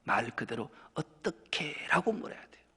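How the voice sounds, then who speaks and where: A male pastor preaching a sermon, swinging between loud exclamations and hushed whispers. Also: mid-range voice, very animated, moderate pace, husky. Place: church sanctuary. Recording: church hall with long reverb.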